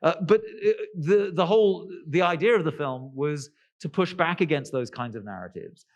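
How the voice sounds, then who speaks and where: A male author answering interview questions in a posh-sounding voice, halting with lots of fillers and restarts, with wry, sardonic asides. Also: a little high, expressive, darkish tone, highs cut off. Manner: self-described posh-sounding voice.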